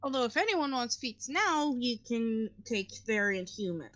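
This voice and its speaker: High-voiced, unhurried woman player. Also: sing-song, a bit bright. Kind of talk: casual tabletop game chat.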